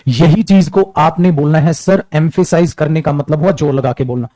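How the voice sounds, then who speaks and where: A man teaching an English grammar class, talking lively and calling his students beta as he mixes English terms into his talk. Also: fairly high pitch, moderate pace, no room sound. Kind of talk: classroom lecture.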